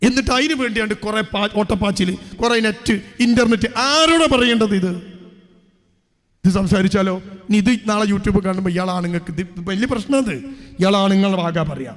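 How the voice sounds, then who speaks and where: Male Islamic preacher, high voice, lecturing with rhetorical questions, echo from a large hall. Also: fairly quick. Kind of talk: public religious speech.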